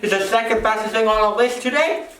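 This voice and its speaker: A fast-talking man with a high, slightly bright voice gives an improvised warehouse explainer as presenter, rambling with repeated phrases and self-corrections. Expect echo from the large space, a distant mic and faint noise.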